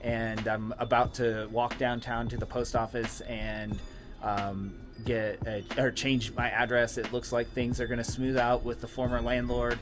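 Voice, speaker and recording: A middle-aged man hosting a casual vlog outdoors, talking in a relaxed, rambling way with many ums and uhs. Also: mid-range voice, unhurried, over music. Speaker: vlog host. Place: outdoors in a mountain town.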